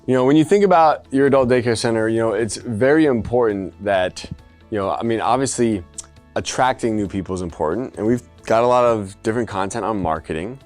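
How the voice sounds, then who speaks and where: A man's voice: lowish voice, a little fast, a little mellow, faint music behind. A man giving casual, conversational business advice to camera as a coach, emphatic, with jokey asides. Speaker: adult day care business coach.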